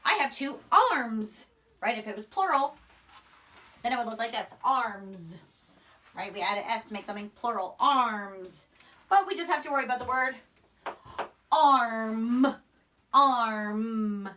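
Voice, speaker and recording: A young woman, a primary school teacher, teaches young children phonics at a whiteboard in a small indoor room, sounding out letters and words with emphasis. Her voice is a little high, with lively intonation, an unhurried pace, long pauses and a bright, forceful tone. A camera mic a few steps away makes her sound distant.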